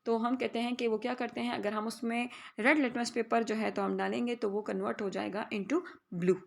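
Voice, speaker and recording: A woman with a Pakistani accent teaching a chemistry revision lesson, explaining terms patiently and reading English definitions slowly, often checking with her students. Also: a little high, level tone, vocal fry. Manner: explains in Hindi-Urdu, reads English definitions slowly, checks with "theek hai".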